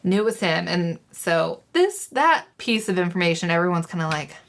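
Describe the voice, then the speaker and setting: A woman's voice: lowish voice, very animated, moderate pace. A woman co-hosting a casual book podcast. She walks through the plot at length in an easygoing way, with the odd swear word. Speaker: podcast co-host. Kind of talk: casual book-discussion chat.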